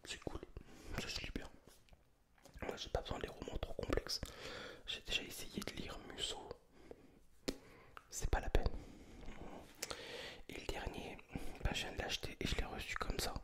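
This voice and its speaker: A man whispering in a hushed, breathy library whisper, chatting informally and hesitantly about things in ASMR style. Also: moderate pace, long pauses. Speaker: ASMR video creator. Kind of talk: whispered ASMR book chat.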